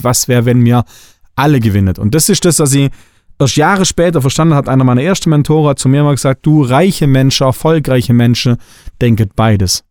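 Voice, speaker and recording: Emphatic German coach, dry close sound. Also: male voice, medium pitch, darkish tone, no echo. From Swabia, Germany. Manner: emphatic, blunt, repeats key points. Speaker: podcast host and coach. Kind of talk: spiritual coaching podcast monologue.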